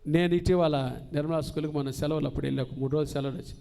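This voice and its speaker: Male pastor, middle-aged, high voice, fervent call-and-response sermon delivery. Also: steady tone, very fast, vocal fry. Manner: impassioned preaching, asks the congregation questions and answers them; swings between loud cries and quiet low lines.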